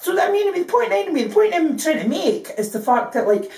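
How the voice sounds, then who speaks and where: A woman's voice: extremely high pitch, sing-song, fairly quick, darkish tone, reverberant. A Scottish woman ranting in a vlog, swearing constantly, laughing at herself and peppering her talk with "ken" and "aye". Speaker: vlogger. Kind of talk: profane ranting monologue.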